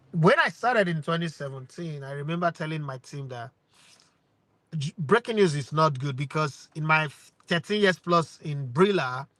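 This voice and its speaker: A Nigerian man in his forties hosts his sports channel, talking opinionatedly to camera with lively rhetorical questions and bits of Pidgin. He has a Nigerian accent and a voice on the high side, recorded dry.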